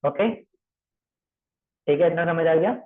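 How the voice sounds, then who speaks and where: A man's voice: on the high side, a little slow. A man coaching trainees through a calling script, repeating points, checking they understood, and slipping English phrases into his talk. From Maharashtra. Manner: repetitive, checks understanding often; mixes English phrases into Hindi. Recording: tinny phone-like audio.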